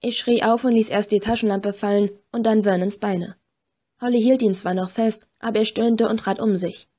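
A woman reading a first-person audiobook story in a measured, tense storytelling manner. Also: medium pitch, fairly even intonation, dark tone. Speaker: audiobook narrator. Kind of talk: first-person scripted narration.

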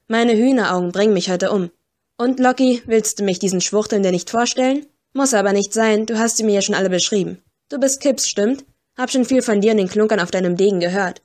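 A woman's voice: medium pitch, a little fast, a little mellow, close to an everyday voice. Flo Bones, brash cheeky scavenger played by a woman. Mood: brash teasing. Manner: brash, crude, teasing. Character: scruffy cheeky young female river scavenger.

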